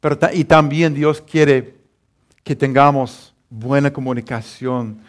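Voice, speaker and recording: A man's voice: medium pitch, steady tone, takes it slowly. A middle-aged man preaching a sermon as pastor, telling a family story with many restarts and chuckles.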